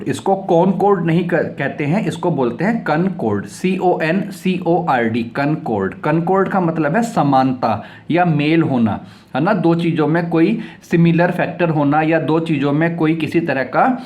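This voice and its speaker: A man's voice: a little high, a little mellow. A man teaching English vocabulary, explaining each word, spelling it out letter by letter and repeating it several times. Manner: spells words out letter by letter and reads example sentences slowly. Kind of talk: vocabulary lesson.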